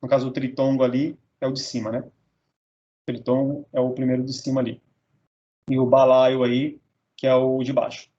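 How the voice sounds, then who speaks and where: A Brazilian man with a mid-range, mellow voice teaches a grammar lesson at normal speed in a level tone, with long pauses. He sounds out words syllable by syllable and checks in with "tá?" and "beleza?". His Brazilian Portuguese accent is clear, though the audio is dull.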